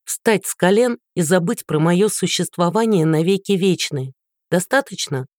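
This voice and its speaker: A woman voicing a sharp-tongued, scornful young woman who answers with biting mockery. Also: on the low side, expressive, moderate pace, dry recording, clean studio sound, close to an everyday voice. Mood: mocking. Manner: mocking, biting.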